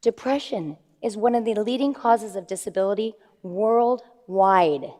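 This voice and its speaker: A woman's voice: mid-range voice, measured pace, mellow. Earnest woman speaking in a reverberant hall. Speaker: life coach.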